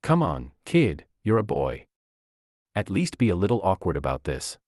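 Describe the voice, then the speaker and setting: A man's voice: low-pitched, huge pitch swings, normal speed, darkish tone, no room sound, studio quality, heavily acted. Blunt teasing ninja mentor woman, a man voicing her.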